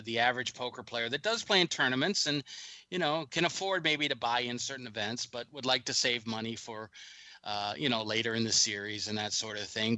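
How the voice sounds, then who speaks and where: Very bright-voiced male host. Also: medium pitch, no echo. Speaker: interview host. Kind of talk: casual interview.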